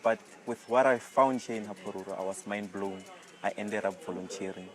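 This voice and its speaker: A youth retreat volunteer in his early twenties from rural South Africa gives a personal testimony in an interview style. He has a South African accent and a fairly low, brisk voice, and the audio is poor.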